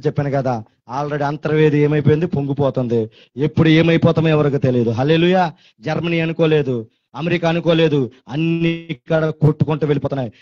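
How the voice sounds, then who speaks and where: Man, Telugu accent, fervent preaching, fairly high voice, muffled dry sound. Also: no room sound. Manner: fervent, rising to shouted hallelujahs and quoted pleas. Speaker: pastor. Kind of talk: sermon.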